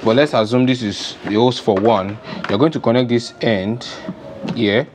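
Speaking at a moderate pace with a medium-pitched voice, this young man with a Nigerian accent teaches DIY farming through a loose, unscripted, step-by-step demonstration. The setting is an open-sided poultry house on a concrete floor, and music and other noise can be heard behind him.

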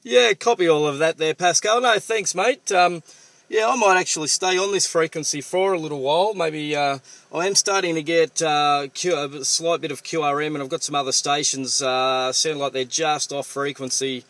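A man with an Australian accent talking as a radio operator in a casual, matey, halting way, with call signs and jargon. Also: fairly high pitch, fairly bright tone. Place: parked vehicle.

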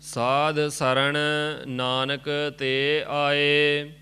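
A man reciting scripture in a slow, measured chant as a student in a lesson. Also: fairly high pitch, monotone, pushed and bright, clear, resonant tone.

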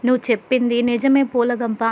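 A woman's voice: on the high side, flat delivery, fairly quick, dark tone, close to an everyday voice. A woman voicing a young married man who fires off teasing questions and then speaks earnestly about his own childhood, reading him in her own voice. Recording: dull lo-fi sound.

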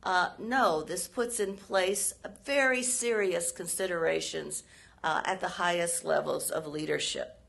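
A hoarse woman, a former State Department official, gives a formal policy lecture at a university event, speaking in measured phrases with frequent pauses. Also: on the low side, a bit bright. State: hoarse, frog in her throat.

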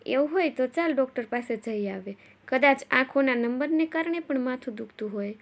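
A woman voicing a caring young husband asking gently about his wife's headache. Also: high-pitched, lively intonation, normal speed, creaky. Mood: concerned.

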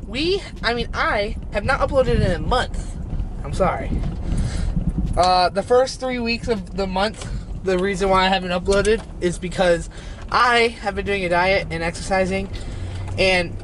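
A man's voice: sits high, measured pace. A seventeen-year-old young man chatting casually in a car vlog, rambling and swearing in an upbeat way. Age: teens. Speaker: vlogger. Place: inside a parked car. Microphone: camera on the dashboard. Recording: noisy car recording.

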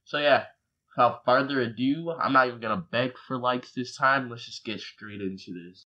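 A man's voice: medium pitch, moderate pace, highs cut off, very noisy. Young male vlogger, rambling casual commentary, stumbles on words, built-in computer mic.

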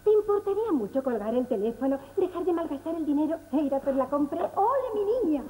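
Bossy, doting sitcom-style advert mum, high voice, background chatter. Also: female voice, expressive, moderate pace, poor audio. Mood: bossy, affectionate. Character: brisk, bossy, affectionate mother in TV commercial. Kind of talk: acted commercial sitcom dialogue.

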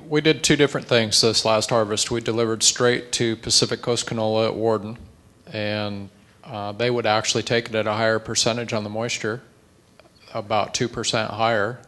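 A middle-aged man, a farmer on a conference panel, explaining his harvest in a matter-of-fact way. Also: lowish voice. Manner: matter-of-fact, steady account. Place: conference meeting room.

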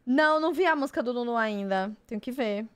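A young woman with a Brazilian Portuguese accent chats casually to her stream, bursting into gushing exclamations. Her voice sits fairly high. The sound is dry and close. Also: fast talker, dry recording. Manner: gushing, easily excited exclamations. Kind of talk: casual card-opening chat.

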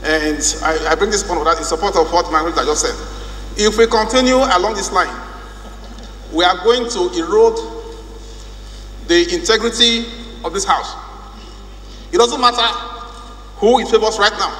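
A lawmaker from Rivers State, Nigeria, speaking with a Nigerian accent, delivers a formal, emphatic speech in a large indoor legislative chamber, repeating phrases for weight. His voice is high-pitched and fairly bright, at a moderate pace with frequent pauses. The recording has an echoey hall sound and a hum.

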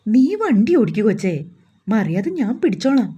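A woman's voice: mid-range voice, very animated, moderate pace, warm tone, slightly rough. A woman reading the lines of a playful young man who teases his bride-to-be. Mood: teasing.

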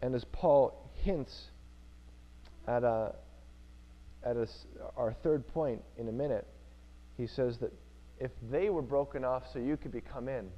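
Man preaching a sermon in church, earnest, repeats stuff for emphasis, kinda dull lo-fi sound. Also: medium pitch.

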